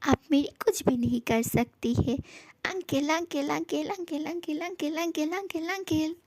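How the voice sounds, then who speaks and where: A woman's voice: high-pitched, unhurried, darkish tone, no echo. A woman playing a playful, teasing young wife in a fan audio drama, who taunts and sweetly coaxes. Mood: taunting.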